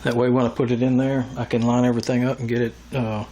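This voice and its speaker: A man's voice: medium pitch, level tone, fast talker, warm tone, a little hiss or hum. A man giving a hands-on workshop tutorial, talking through each step as he works with his tools. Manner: talks through each step while working. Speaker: airgun tuner demonstrating machining.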